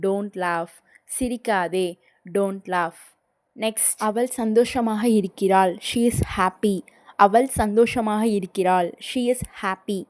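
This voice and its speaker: A young woman leads a beginner English lesson. She speaks at a very slow, deliberate pace. Each short phrase is clearly repeated twice. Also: mid-range voice. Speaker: English teacher.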